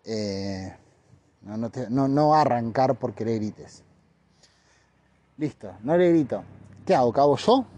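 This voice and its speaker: A man's voice: medium pitch, warm tone. A man with a Rioplatense Spanish accent, a podcast host rambling through a casual joking monologue and acting out quoted voices.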